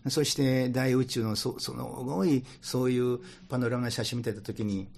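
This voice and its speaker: Kansai man, relaxed storyteller, mid-pitched, rambling musing delivery. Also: normal speed, gravelly. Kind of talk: conversational talk.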